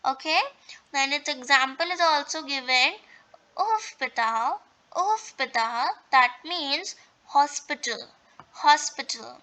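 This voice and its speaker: A woman with a high, bright voice walks learners through a French lesson. She explains slowly, repeating words and filling pauses as she goes. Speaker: French teacher. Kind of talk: online language lesson.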